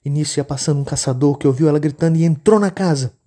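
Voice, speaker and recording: A woman narrating a children's fairy tale for a podcast in an expressive storytelling manner. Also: deep voice, fast.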